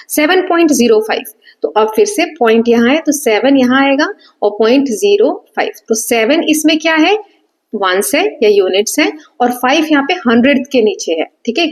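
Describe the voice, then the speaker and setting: A young Indian woman teaching a maths revision lesson step by step, checking in often with her students. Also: on the high side. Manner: explains step by step, checking in with "है ना" and "ठीक है". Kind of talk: revision lesson explaining on a board.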